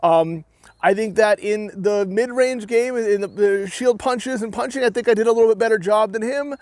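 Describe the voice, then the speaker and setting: With a high, slightly mellow voice and a moderate pace, a young adult armored combat fighter speaks to his video audience in a casual rant. He has a New Hampshire accent, being from New England, and he rambles earnestly, restarting frequently and adding "right?" The audio has no echo.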